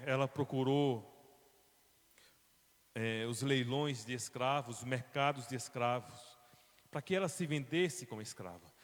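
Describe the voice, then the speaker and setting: A man with a Brazilian accent, a pastor telling a Bible story in a sermon, dramatic, moving from quiet to loud. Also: fairly high pitch. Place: church. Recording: long church reverb.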